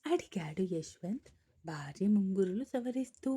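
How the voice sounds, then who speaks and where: Woman storyteller, romance narration, husky, dark tone. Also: mid-range voice, normal speed. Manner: reads all characters' lines in her own voice, mostly even narration.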